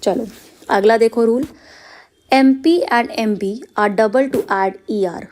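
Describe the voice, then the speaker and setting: In a mid-range voice with a dark tone, a woman gives a patient, step-by-step lesson on shorthand rules. She blends English terms into her explanations and keeps asking "clear?" and saying "okay" to confirm the students are following.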